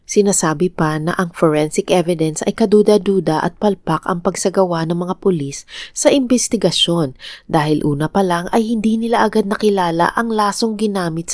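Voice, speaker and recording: A woman with a Filipino accent narrating a true crime story in a calm, even, scripted read. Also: lowish voice, no echo, clean studio sound.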